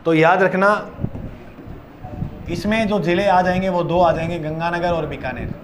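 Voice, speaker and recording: A male teacher giving a classroom lecture, loud and playful, drilling students with call-and-response chants. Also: high voice, fairly even intonation, normal speed, slight background noise.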